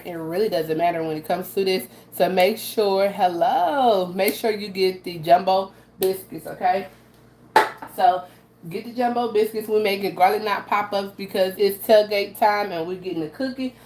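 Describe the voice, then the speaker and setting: There's a roomy echo and faint background noise as a woman runs a casual live cooking demo from her home kitchen, repositioning the camera by hand. Raspy from allergies, her medium-pitched, darkish voice moves at normal speed, and she keeps chatting to viewers with frequent "okay?" asides.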